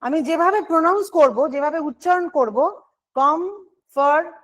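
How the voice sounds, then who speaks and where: Woman, high-pitched, patient exam-prep teacher who explains step by step. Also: animated, normal speed. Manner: explains step by step, asks and answers her own questions. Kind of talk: online exam-prep grammar lesson.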